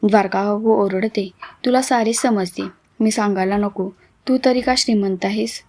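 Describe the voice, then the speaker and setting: Woman doing a frail, gentle mother, soft and weary, storybook reading, mid pitch. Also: fairly even intonation, normal speed, close to an everyday voice. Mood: tender.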